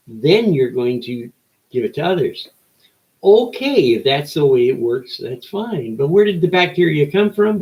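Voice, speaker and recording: A man's voice: mid-range voice, a little mellow, rough recording. An older man delivering a rambling opinion monologue as an old man's folksy rant, with rhetorical questions and short emphatic phrases. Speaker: show host.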